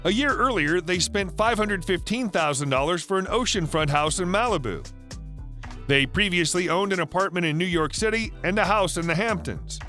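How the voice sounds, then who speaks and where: Bright, high-voiced male narrator. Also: animated, moderate pace, faint music behind. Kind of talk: scripted biographical narration.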